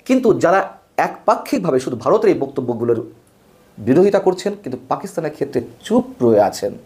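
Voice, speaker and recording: A man giving spoken political commentary with an emphatic, rhetorical delivery, pushing his pitch up sharply on key words and now and then stumbling over a word. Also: very animated, quick pace, darkish tone.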